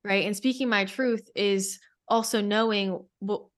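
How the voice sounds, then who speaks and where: A woman's voice: medium pitch, fairly even intonation, measured pace. A woman in a casual spiritual podcast conversation, telling a long story in a rambling way with many restarts.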